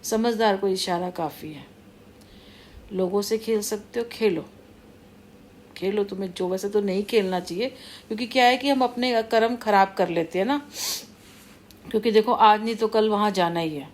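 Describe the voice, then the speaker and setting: Speaking at a moderate pace with long pauses, this middle-aged vlogger uses a medium-pitched voice. In a casual monologue to camera she wanders from point to point, warning her viewers again and again in a scolding tone.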